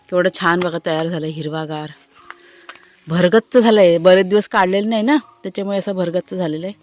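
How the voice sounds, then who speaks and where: A woman vlogging casually outdoors in her garden, chatting to viewers and explaining what she shows. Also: on the low side. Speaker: family vlogger. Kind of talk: casual vlog walkthrough talking to viewers.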